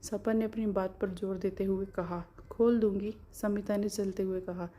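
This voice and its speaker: A woman narrating a story in a calm, steady reading manner. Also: mid-range voice, normal speed.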